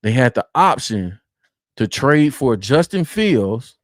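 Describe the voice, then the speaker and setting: A man's voice: medium pitch, very animated, slow, dry recording, studio quality. A man from the Atlanta area hosting a sports show, talking casually and rhetorically and repeating himself for emphasis.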